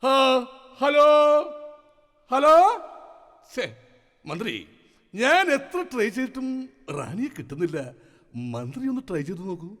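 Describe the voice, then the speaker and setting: Pompous comic king, high voice, lively swoops, stage comedy skit. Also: in a large hall, heavily acted. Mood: bossy. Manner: blustering, peevish, quick with puns. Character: pompous, silly, whiny male king.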